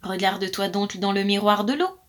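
A woman's voice: mid-range voice, moderate pace, lightly acted. A woman voicing a cautious female magpie in a storybook tale, speaking in a confiding, warning tone.

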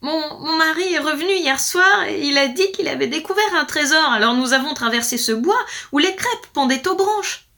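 A woman voicing a talkative, credulous peasant wife in a storybook reading, high and excited. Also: moderate pace. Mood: eager, chatty.

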